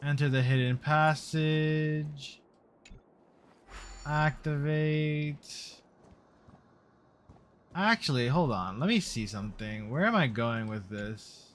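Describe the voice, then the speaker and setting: A man's voice: on the high side, animated, slow pace, pauses often, a little hiss or hum. Laid-back young man thinking aloud. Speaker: streamer. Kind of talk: casual gameplay commentary. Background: game music.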